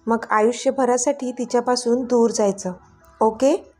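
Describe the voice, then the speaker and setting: A scheming young woman in a storybook tale, put on by a woman narrator. She teases and sneers, with a slightly high voice. Faint music plays underneath. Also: fairly even intonation, a little slow, a little mellow, close to an everyday voice. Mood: menacing. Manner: teasing, sneering.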